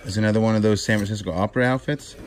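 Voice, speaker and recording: A man's voice: lowish voice, fairly even intonation, a little hiss or hum. Teasing man pricing gear. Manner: teasing, brisk pricing calls. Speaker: storage unit reseller. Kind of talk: casual banter while sorting a storage unit. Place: metal storage unit, indoors. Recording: clicks and rustling behind.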